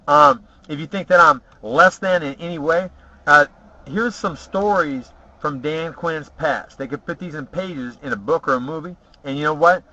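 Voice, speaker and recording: A man telling rambling, boastful stories from his past, swearing freely and filling pauses with "uh" and "you know what?". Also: a little high, bright, forceful tone. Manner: profane, boastful, rambling with many fillers. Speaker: vlogger telling personal stories. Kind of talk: casual storytelling monologue. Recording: dull lo-fi home video audio.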